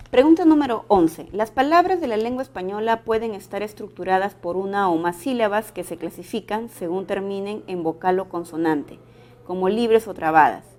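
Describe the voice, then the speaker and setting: A woman's voice: medium pitch, a little mellow. Woman, teacher doing exam walkthrough, methodical explainer. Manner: methodical, reads each question then explains.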